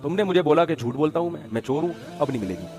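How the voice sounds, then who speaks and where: A man voicing a proud, honest, poor male vegetable seller who speaks low, quiet and firm. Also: sing-song, faint music behind. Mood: stubborn, proud.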